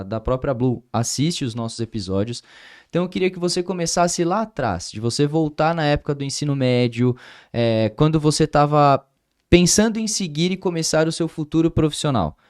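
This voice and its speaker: A man with a Brazilian Portuguese accent hosting a podcast in a studio, chatting in long, relaxed, winding sentences. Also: fairly high pitch, no room sound. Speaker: podcast host. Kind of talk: casual interview chat.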